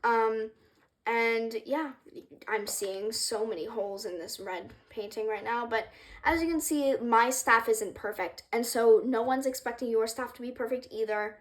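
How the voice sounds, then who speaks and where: A woman's voice: on the high side, unhurried. A young woman casually explaining a craft project, rambling and hesitant with many ums, apologizing for her stuttering, in a room with a wooden floor. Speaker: craft creator. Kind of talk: casual tutorial vlog.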